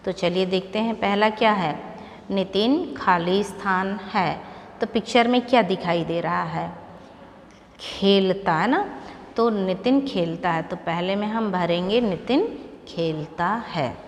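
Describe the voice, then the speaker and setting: A woman teaching a lesson to young students, speaking slowly and patiently and repeating each word aloud for them to echo. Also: medium pitch, a little hiss or hum.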